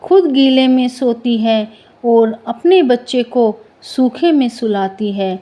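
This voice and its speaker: A woman's voice: on the high side, slow, mellow. A woman reciting a tender devotional poem and narrating a story as the host of a storytelling channel.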